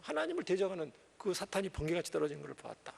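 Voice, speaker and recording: A male pastor preaching a sermon at a Friday prayer meeting, animated and asking the congregation questions. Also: high-pitched, racing, creaky, husky. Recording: echoey church hall.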